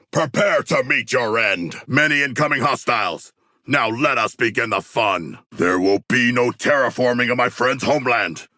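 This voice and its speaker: An actor playing a huge, noble and bloodthirsty shark warrior in a video game, deep and gravelly, with formal, grandiose diction. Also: male voice, bright, forceful tone, no echo, studio quality. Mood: resolute, formal.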